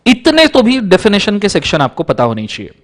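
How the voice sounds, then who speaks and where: A man's voice: sits high, wildly swooping pitch, a little fast. A man giving a classroom law lecture who teaches playful mnemonics, repeats them many times, mixes in English terms and keeps asking if everyone understands.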